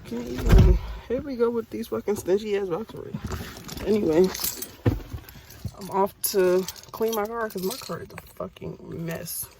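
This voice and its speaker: A woman's voice: mid-range voice, measured pace, gravelly. A woman casually talking to her viewers in a vlog from the gym and her car, chatty and cussing freely, calling them y'all. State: out of breath. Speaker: vlogger. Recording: noisy phone recording, ambient background.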